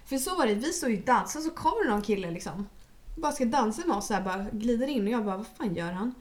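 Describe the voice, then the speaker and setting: A young woman with a fairly high voice, talking in a loose, blunt way. She tells her stories with animation and swears freely in casual chat. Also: animated. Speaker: podcast co-host.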